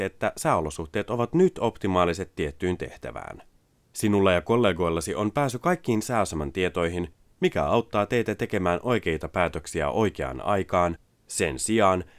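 A man narrating a scripted product voice-over in an even, explanatory way. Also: low-pitched, no room sound.

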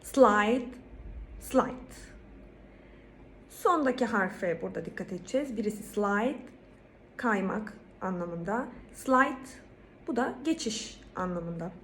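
A woman with a Turkish accent giving a pronunciation lesson, saying each English word louder and higher, then explaining it calmly. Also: normal speed, slight background noise. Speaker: English teacher.

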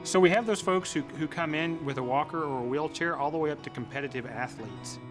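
A man's voice: fairly high pitch, fairly quick, music in the background. A male clinician speaks confidently and matter-of-factly about rehab outcomes in an interview in an indoor gym, on a lapel mic. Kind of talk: documentary interview.

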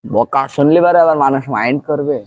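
A Bangladeshi man with a Pabna accent hosts his own channel in a casual chat. His voice sits high for a man, and he talks in quick, easygoing bursts. He belts out a local folk song in a strained upper register before turning to friendly chatter. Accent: Pabna Bengali. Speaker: channel host. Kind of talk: casual live chat with singing.

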